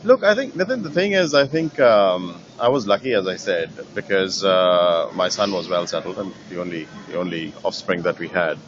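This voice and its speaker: A middle-aged painter from Nepal, answering interview questions in a thoughtful way, with many fillers and restarts. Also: male voice, on the low side, dull audio, noisy background. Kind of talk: conversational interview.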